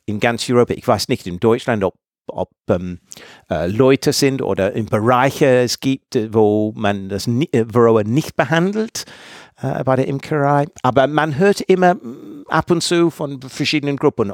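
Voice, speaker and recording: English-accented male guest, unhurried, middle pitch, hesitant phrasing, close dry mic. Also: a little mellow, no room sound. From England. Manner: halting, searching for words. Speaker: guest researcher. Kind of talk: casual interview chat.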